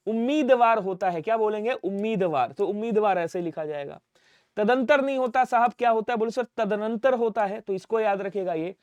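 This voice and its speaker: A male teacher, giving an exam-prep lesson. He drills students with quick questions and answers and repeats each spelling. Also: high-pitched, no echo, clean studio sound. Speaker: Hindi teacher.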